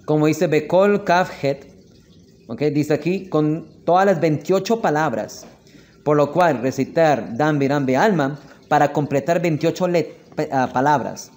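A man with a Colombian Spanish accent leads a lesson on prayer customs. His voice sits somewhat high, and he slows down to spell out each prayer word before moving on. He keeps checking with his listeners, asking whether they are with him. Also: darkish tone. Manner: explanatory, checks in often with "¿ok?" and "¿listo?". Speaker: rabbi teaching prayer customs.

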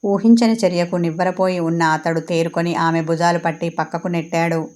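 A woman author reading her own serialized romance story in a steady, even narration. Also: fairly low pitch, brisk.

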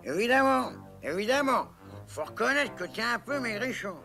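A man's voice: very high voice, animated, normal speed, creaky, over music, heavily acted. A man voicing a greedy, grumbling animal boss in a children's puppet film. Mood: bossy.

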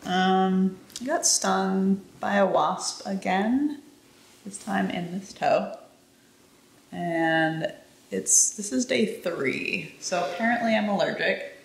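A woman's voice: mid-range voice, takes it slowly, gravelly, echoey room. A young woman talking casually to camera as a bike touring vlogger, chatty and upbeat, with many fillers. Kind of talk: casual vlog chat. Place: outdoors and at a house, on a rainy day.

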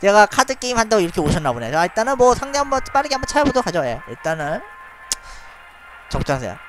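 High, lively-voiced male game streamer. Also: fast, soft background music. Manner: chatty, thinks aloud, frequent little laughs. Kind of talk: live gameplay commentary.

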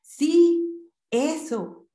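A woman's voice: sits high, expressive, very slow, mellow, reverberant, pitched above the performer's own voice, heavily acted. Woman voicing a timid orphan servant girl. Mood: earnest. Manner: timid, pleading.

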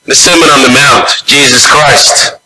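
A man preaching a sermon as pastor in a church, slow and deliberate, reading scripture aloud. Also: medium pitch, roomy sound, a crowd in the background, low-quality recording.

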